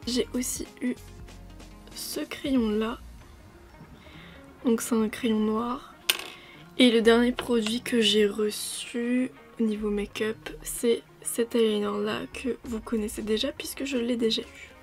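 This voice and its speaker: A woman talks casually to her viewers in a fairly high voice, wandering from point to point with plenty of fillers. She speaks into a proper microphone, with faint music playing quietly underneath. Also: steady tone, slow. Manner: chatty, rambling, with frequent fillers. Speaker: beauty vlogger. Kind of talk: casual chat to camera. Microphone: new proper microphone.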